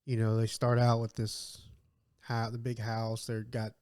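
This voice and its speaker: Male film podcast co-host, easygoing, casual, mid-pitched everyday voice. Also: completely flat delivery, measured pace, a little mellow, smooth, no room sound, studio quality. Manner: easygoing, filler-heavy. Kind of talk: casual movie-review chat.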